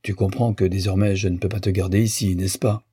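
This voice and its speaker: A man's voice: deep voice, little pitch movement, brisk, mellow, husky, no room sound, studio quality. A man voicing a stern, wrathful older male lawyer who hammers out his indignant words. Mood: cold.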